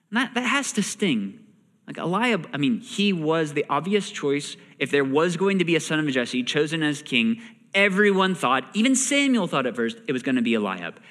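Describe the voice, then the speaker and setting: A man preaches a sermon in a church hall, his fairly high voice rising and falling with lively movement. He reads scripture and talks it through in a casual way, sometimes acting out the characters' lines. A long reverb hangs around every word. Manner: reads scripture aloud and explains it conversationally; animated, acts out characters' lines. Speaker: pastor.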